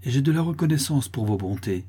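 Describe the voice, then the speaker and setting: A man's voice: mid-range voice, expressive, a little fast, warm tone, breathy edge, pitched above the performer's own voice. A man voicing a harsh peasant widow who sells milk, in an accusing, insistent manner, for a storybook reading.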